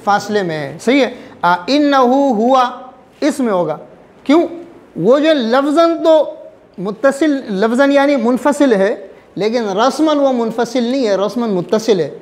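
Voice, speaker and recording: A man teaching a recitation class, drilling his students with repeated check questions and reciting examples slowly, letter by letter. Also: extremely high pitch, lively intonation, a little mellow. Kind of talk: classroom lesson.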